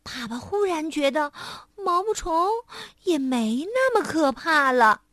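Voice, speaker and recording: A woman storyteller narrating a children's story, sing-song and expressive, speaking to little listeners. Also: sits high, takes it slowly, no room sound, studio quality.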